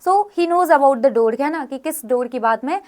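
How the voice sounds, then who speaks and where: A woman's voice: sits high, moderate pace, darkish tone. A woman teaching a grammar lesson, explaining rules step by step and often checking in with her students. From India. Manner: frequent check-in questions to students.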